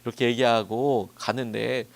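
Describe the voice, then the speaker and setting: A man's voice: mid-range voice, level tone, normal speed, creaky. A man preaching a dawn-service sermon as a pastor, telling stories in a conversational way. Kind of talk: sermon at a dawn prayer meeting.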